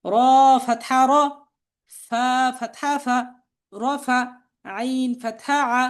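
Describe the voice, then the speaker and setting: A woman's voice: high voice, fairly even intonation, extremely slow. A woman with a Bangladeshi Bengali accent teaching Quran reading, spelling each letter and vowel and repeating syllables several times. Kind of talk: slow spelling drill lesson.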